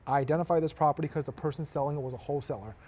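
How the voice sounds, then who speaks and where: Fast-talking emphatic man investor. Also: fairly high pitch, warm tone, a little hiss or hum. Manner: emphatic, repeats points for effect. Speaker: real estate investor, guest. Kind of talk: casual podcast conversation.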